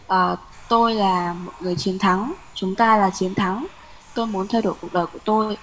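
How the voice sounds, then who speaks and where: A woman's voice: medium pitch, a little fast, a little hiss or hum, low-quality recording. Woman student reciting on a video call. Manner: steady recitation. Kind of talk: reading a chant aloud. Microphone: Zoom call.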